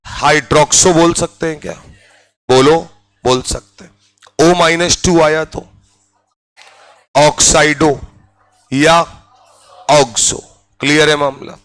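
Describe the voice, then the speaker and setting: A man with a Hindi accent lectures on chemistry at a very slow, deliberate pace, his voice sitting a bit higher than usual. He keeps pausing to quiz the class with quick check-in questions. The sound is dry and close, with no room echo. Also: steady tone, a bit bright. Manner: drills students with repeated questions. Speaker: chemistry teacher.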